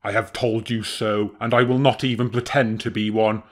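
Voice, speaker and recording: A man voicing a big male bear, a stern royal messenger who speaks slowly, heavily and solemnly. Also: fairly low pitch, little pitch movement, lightly acted.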